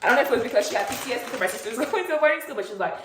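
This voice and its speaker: A woman's voice: fairly high pitch, animated, racing, background noise. A woman in her twenties from Nigeria, vlogging in a rambling, chatty way with lots of fillers and asides. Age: 20s. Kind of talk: casual chat, get-to-know-me story. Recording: echoey room.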